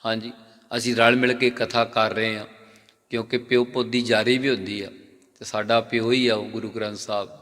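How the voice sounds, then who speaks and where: A male Sikh preacher giving a sermon. He asks and answers his own questions and slows down to chant lines of scripture. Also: fairly low pitch, flat delivery, fairly bright tone. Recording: long hall reverb.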